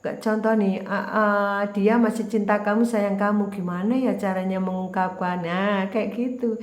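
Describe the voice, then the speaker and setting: A woman's voice: mid-range voice, steady tone, normal speed. A woman giving a casual tarot reading, talking straight to the viewer in a chatty, repetitive way. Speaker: tarot reader. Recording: roomy echo.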